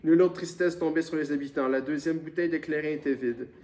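A man reading a novel aloud as an audiobook narrator, in a steady, measured voice. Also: a little high. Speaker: audiobook reader. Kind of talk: scripted narration. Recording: noisy with clicks.

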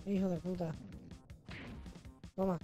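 This gaming livestream features a woman with a Spain accent, casual and slangy, joking and swearing over game music. Her voice is fairly low, dark and slow, with little pitch movement. The recording sounds muffled.

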